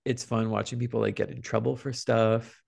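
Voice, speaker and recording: A man co-hosting a podcast, telling gossipy stories in an animated, casual way. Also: mid-range voice, fairly quick, creaky. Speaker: podcast co-host.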